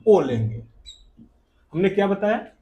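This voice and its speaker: A man teaching a classroom English lesson, speaking with a Hindi accent in a notably high-pitched voice. He keeps putting rhetorical questions to the class and answering them himself. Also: big pitch swings, unhurried, dark tone, dull audio.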